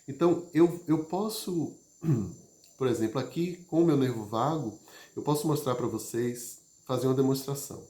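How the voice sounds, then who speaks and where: A man leading a live session, moving between loud emphasis and soft, gentle speech. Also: fairly high pitch. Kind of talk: live talk to an audience. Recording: roomy, echoey sound.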